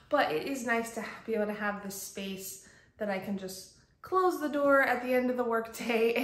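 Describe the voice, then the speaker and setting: A woman's voice: mid-range voice, fairly bright tone. A woman in her forties hosting a casual podcast, chatty with many ums, recorded in a bare room that sounds echoey. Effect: echoey empty room. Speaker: podcast host and shop owner. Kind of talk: casual chat. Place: empty home office with bare walls.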